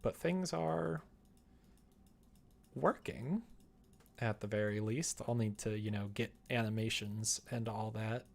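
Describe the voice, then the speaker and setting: A man with a fairly low, creaky voice speaks slowly, leaving long pauses. He's a streamer working on a visual novel, chatting casually while he works, rambling through explanations and now and then muttering to himself.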